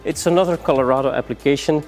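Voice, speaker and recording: A man giving a rushed product demonstration, moving between samples with many fillers and saying he is out of breath. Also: a little high, darkish tone. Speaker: product presenter.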